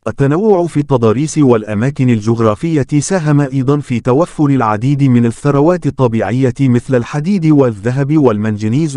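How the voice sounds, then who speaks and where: Fast, dry-voiced male documentary narrator. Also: mid-range voice, no room sound. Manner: steady, even informational reading.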